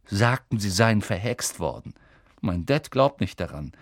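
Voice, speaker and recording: A man voicing a sulky, gruff schoolboy in an audiobook reading. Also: fairly low pitch, very animated, measured pace, dry recording, clean studio sound. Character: gloomy freckled schoolboy from a poor family.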